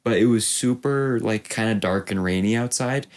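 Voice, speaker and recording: A man's voice: on the low side, normal speed. A young man, a podcast co-host telling a long story in casual chat, rambling and laughing often. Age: young adult.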